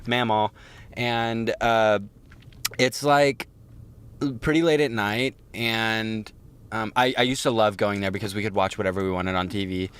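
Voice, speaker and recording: A young man co-hosting a podcast rambles through stories in a casual, self-mocking way, drifting off on tangents and swearing now and then. His voice is fairly low and a bit bright, with clear, resonant tone, fairly even intonation and a measured pace.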